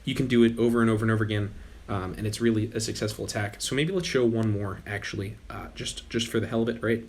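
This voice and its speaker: Speaking at a quick pace in a lowish voice, a young man runs his gaming channel and talks over gameplay while his voice fades. The commentary is laid-back and meandering, full of self-corrections.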